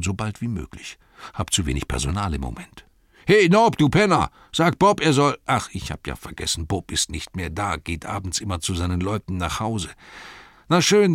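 A man voicing a bustling, excitable innkeeper who rattles on breathlessly and yells at his staff, in a storybook reading. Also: lowish voice, no echo, studio quality. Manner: rapid breathless torrent of words, shouting at staff.

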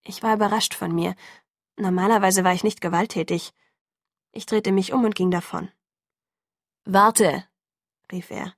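A woman narrating a first-person story as an audiobook, with a steady storytelling delivery. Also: medium pitch, moderate pace, no echo, clean studio sound.

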